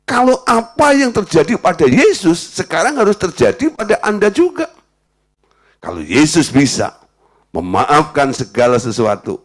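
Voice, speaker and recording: A man preaching a sermon as pastor, acting out dialogue from stories as he teaches. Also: fairly high pitch. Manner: animated preaching, acts out quoted dialogue.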